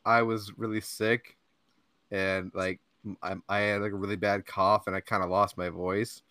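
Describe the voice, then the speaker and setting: A young man hosting a podcast chats and rambles casually, laughing often and peppering his talk with "like" and "dude." His lowish voice has a sharp tone and flat delivery at a moderate pace. The podcast-mic audio has no echo.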